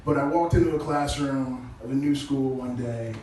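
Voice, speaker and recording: Man doing crude stand-up on a muffled, low-quality stream. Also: normal speed, a little mellow. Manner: casual, crude, chuckles at his own jokes. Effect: low-quality stream audio. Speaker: stand-up comedian. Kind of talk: stand-up comedy set. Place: small comedy club stage. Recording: echoey low-quality stream from far off with noise.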